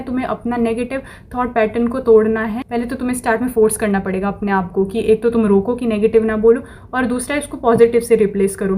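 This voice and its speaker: A woman's voice: a little high, a little mellow, a little hiss or hum. A woman giving a casual motivational talk to camera, repeating phrases over and over and slipping affirmations into her speech. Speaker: self-improvement vlogger.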